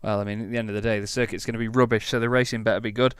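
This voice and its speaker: A man's voice: lowish voice, flat delivery, racing, clear, resonant tone, dry recording. A British man hosting a sim-racing broadcast, upbeat and cheeky, using lots of slang. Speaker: race commentator and host.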